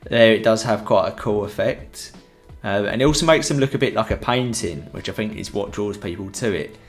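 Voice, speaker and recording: A young man wearing a headset mic rambles through a chatty photography tutorial from a room at home, full of filler words, like a casual live stream. His voice sits fairly low and moves fairly quickly, with faint music in the background.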